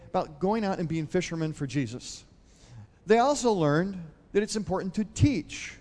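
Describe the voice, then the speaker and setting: A man preaches in a church hall, his slightly high voice trailing into a long reverb. He retells a Bible story in an easy, talky way and keeps turning to the congregation with questions. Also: a little mellow. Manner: conversational, asks the congregation questions. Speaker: pastor.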